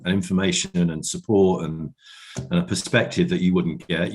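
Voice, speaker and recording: A man answering as an interview guest in casual, reflective talk, often hedging as he goes. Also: low voice.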